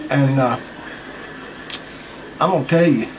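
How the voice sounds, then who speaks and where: A man's voice: medium pitch, slow. A man chatting casually about pipe tobacco, pipe in mouth, folksy and repetitive. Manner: folksy, drawling, repeats himself. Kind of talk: casual vlog chat. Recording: noisy home recording.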